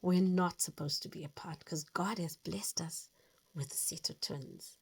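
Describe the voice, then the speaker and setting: Gravelly, husky woman in her fifties. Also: fairly low pitch, measured pace. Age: 50s. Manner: earnest and reflective, with lively emphasis. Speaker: host. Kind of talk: personal storytelling monologue.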